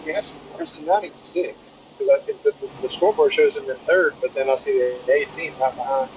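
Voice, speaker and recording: A man's voice: a little high, big pitch swings, a little fast, a little hiss or hum. A man giving color commentary on a race in a thoughtful, hesitant way, over a muffled bluetooth line. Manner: thoughtful, hesitant, repeats words. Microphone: bluetooth headset.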